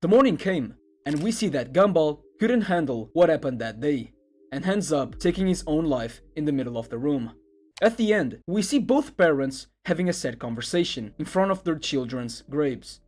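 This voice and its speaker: Reading scripted narration styled like an internet video essay, this man sounds very animated and a little mellow, his voice on the high side. He keeps a moderate pace, with music running under him.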